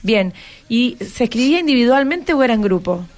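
A radio host with a Rioplatense Argentine accent interviews schoolchildren in a conversational style, often asking check questions to keep them talking. Her voice is fairly high and briskly paced, with lively intonation.

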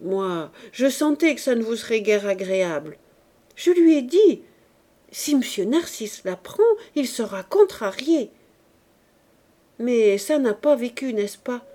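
A woman's voice: a little high, very animated, a little slow, mellow. A woman reading an audiobook, voicing an older aunt who soothes and chatters. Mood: soothing. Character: older woman, fussy retired embroiderer aunt.

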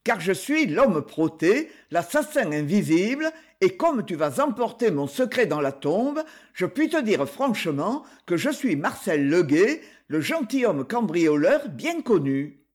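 A man reading the part of a sneering, boastful villain, a gentleman burglar in a storybook reading. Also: high-pitched, big pitch swings, measured pace, heavily acted. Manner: mocking, boastful. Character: sneering villainous male master of disguise.

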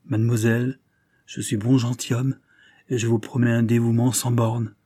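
A man reading the lines of an earnest, dutiful nobleman in a hushed voice. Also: medium pitch, level tone, moderate pace, close to an everyday voice. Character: earnest dutiful nobleman, a duke proposing marriage.

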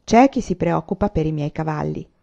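A woman's voice: sits low, animated, a little fast, creaky, dark tone, highs cut off. A woman reading as a teasing pioneer father.

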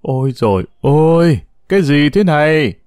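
A man voicing a furious, desperate old grandmother who speaks in broken, shouted bursts. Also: a little high, expressive, moderate pace, no room sound, studio quality, pitched above the performer's own voice, close to an everyday voice. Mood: scolding.

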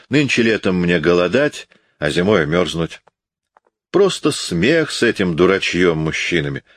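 A man's voice: deep voice, dry recording, studio quality. A man reading an audiobook, voicing a defiant, scornful young woman in a hard, mocking tone.

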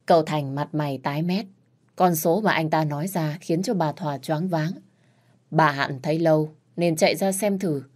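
A woman narrating a scripted story in an even, measured way. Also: low-pitched.

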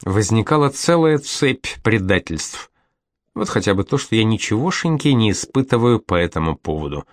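A man reading a novel aloud in a measured, subdued first-person narration. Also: on the low side, very animated, no echo, clean studio sound. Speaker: audiobook narrator.

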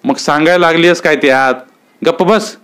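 A man's voice: fairly high pitch, moderate pace, clear, resonant tone, voice pushed up, lightly acted. A man playing a scolding village husband. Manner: shouting, scolding.

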